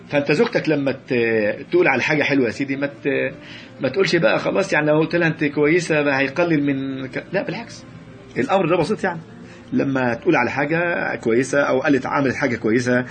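An Egyptian man talks quickly through a lecture on marriage, mid-pitched and animated, stumbling and restarting as he goes. His asides are aimed straight at the room, and faint music sits behind his voice. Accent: Egyptian Arabic. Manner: lively, repeats and restarts words, animated asides to the audience. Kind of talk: religious marriage lecture to a class.

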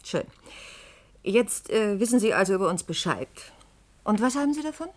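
In a science-fiction radio play, an actress voices a doubting, sharp-tongued radio journalist who is brisk, sardonic and challenging. Her female voice sits at medium pitch but swings widely, and her mood is skeptical and probing.

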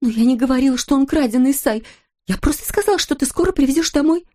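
A terrified, meek wife, voiced by a woman reading an audiobook, pleads in a high, shaky whisper. She moans her words rather than speaking them. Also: expressive, extremely slow, warm tone, heavily acted. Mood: frightened pleading.

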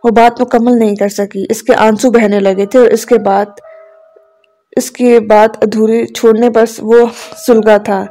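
A woman reading a novel aloud in a measured, dramatic storytelling way. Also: on the high side, level tone. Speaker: novel reader. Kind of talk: scripted narration. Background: soft background music.

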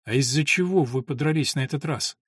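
A worn-out, strong-willed mother, as a male narrator gives her voice, tired and sharp-edged, crying out in anguish. The voice is husky and a touch high, read close and dry. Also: brisk, no room sound. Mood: weary. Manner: tired, irritated, breaking into shouts. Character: Ellen, strong, weary mother, woman.

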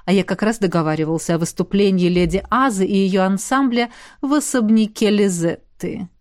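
A woman voicing a haughty, jealous young lord with a hoarse, husky voice. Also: medium pitch, moderate pace, a little mellow, no echo, studio quality, lightly acted. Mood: curt.

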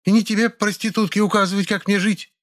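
A mocking, sharp-tongued older woman, played by a male reader jeers at her rival in a raised voice. His pitch climbs well above his own, and her words carry scorn throughout. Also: steady tone, fast. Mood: mocking, angry.

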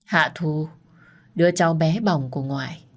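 Woman doing a sweet old granny spirit, gentle and coaxing, low voice. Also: normal speed. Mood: tender. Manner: tender, coaxing. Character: kind old grandmother spirit, tender.

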